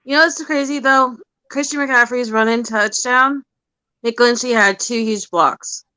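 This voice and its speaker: A woman discussing a game on a casual podcast in a bright, crisp voice, breaking plays down and hedging with frequent fillers. Her sound is close and dry, with no room echo. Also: fairly high pitch, measured pace. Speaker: podcast panelist. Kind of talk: casual chat.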